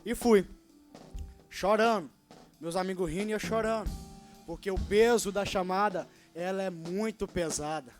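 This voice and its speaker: A man in his twenties from Brazil preaching a sermon and telling his own story, swinging between loud and hushed. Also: sits high, normal speed, over music. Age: 20s. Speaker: young preacher. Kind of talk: sermon with personal testimony.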